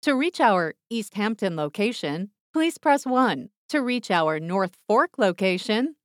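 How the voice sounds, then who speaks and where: A woman reading scripted phone menu greetings and options in a clearly phrased, polite announcer delivery. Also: medium pitch, very animated, measured pace, no room sound, clean studio sound.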